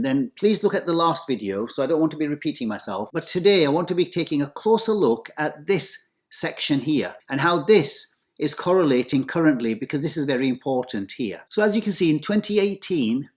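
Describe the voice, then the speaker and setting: A man hosting his own commentary video, speaking in a measured, earnest presenter manner. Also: a little high. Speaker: host of a crypto market commentary channel.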